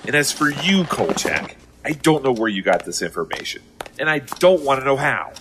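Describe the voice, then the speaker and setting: A gruff police captain in a radio drama. He is curt and sarcastic, with a tense, forceful voice that swings in pitch. There is faint noise and clicking behind him. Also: big pitch swings, normal speed. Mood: exasperated, threatening. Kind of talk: audio drama acting.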